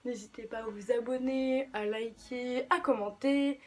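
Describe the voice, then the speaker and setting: A woman's voice: a little high, fairly even intonation, a little slow. A young woman vlogger chatting casually about songs, with lots of slang and fillers. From of Portuguese descent. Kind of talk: casual chat.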